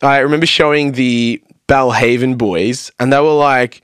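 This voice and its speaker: A man's voice: mid-range voice, moderate pace, smooth, dry recording. Aussie guy rambling thru band stories, loads of swearing, dry sounding. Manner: animated storytelling, swearing freely, acting out quotes. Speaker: podcast guest, vocalist. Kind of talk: casual chat.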